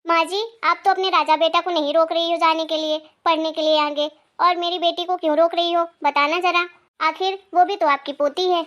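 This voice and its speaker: A woman voicing a patient young mother in an animated cartoon, speaking in a soothing, coaxing way. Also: extremely high pitch, moderate pace, lo-fi sound. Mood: pleading.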